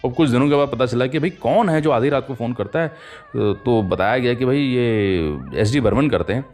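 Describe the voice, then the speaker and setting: Over background music, a radio host tells anecdotes in a storytelling style and voices the quoted exchanges himself. His voice is medium-pitched and a little mellow, at a moderate pace.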